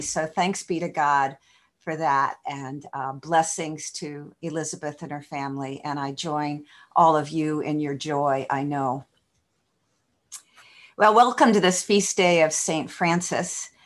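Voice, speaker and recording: Slow, low-voiced woman preaching. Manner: slow, reflective, with frequent fillers. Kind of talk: sermon over video call.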